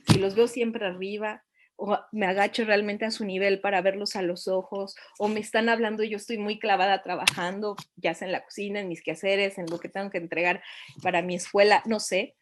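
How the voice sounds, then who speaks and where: A woman's voice: medium pitch, slight background noise. A middle-aged woman, giving a reflective talk to parents and asking them many questions.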